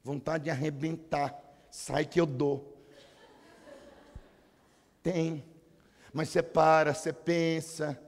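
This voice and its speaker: A Brazilian man preaching a sermon as pastor, animated and humorous, acting out the prayers of churchgoers. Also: fairly high pitch, takes it slowly, long pauses. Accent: Brazilian Portuguese. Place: church hall. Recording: long church-hall reverb.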